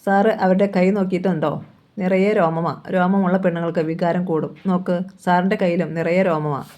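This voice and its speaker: A woman's voice: fairly low pitch, steady tone, normal speed, darkish tone, close to an everyday voice. A woman reading the lines of a sly male drinking companion in a novel, in a coaxing, informal way.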